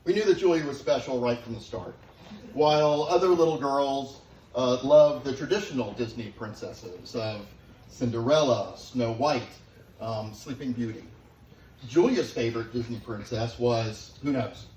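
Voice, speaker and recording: A middle-aged man giving a father of the bride wedding speech, sincere and affectionate, with deliberate pauses for the guests. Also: medium pitch, a little mellow. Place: large room at a wedding reception, guests present. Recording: echoey, noisy room, distant microphone.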